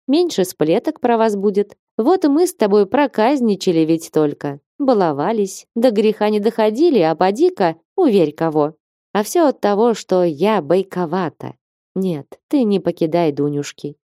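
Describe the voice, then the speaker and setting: A woman reading an audiobook and voicing a lively, teasing young woman in love, who coaxes tenderly and can turn fierce. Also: mid-range voice, dry recording, studio quality. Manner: coaxing and affectionate, then fierce.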